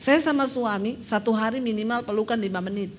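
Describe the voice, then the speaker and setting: Woman pastor, fairly high-pitched, lively and humorous in the pulpit, speaks straight to the congregation, faint noise behind. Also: brisk. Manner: animated and humorous, often addresses the congregation directly. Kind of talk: lively storytelling sermon.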